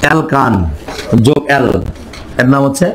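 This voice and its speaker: A man's voice: medium pitch, fairly even intonation, moderate pace, a little hiss or hum, rough recording. Man lecturing a chemistry class. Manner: quizzes students with repeated questions, answers himself. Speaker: chemistry teacher.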